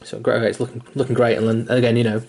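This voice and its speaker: Speaking quickly in a flat, medium-pitched voice that's creaky and a little mellow, a young man hiccups his way through a casual tutorial on painting miniatures. He rambles somewhat, restarts sentences, leans on fillers, and swears now and then, with a mildly self-deprecating tone.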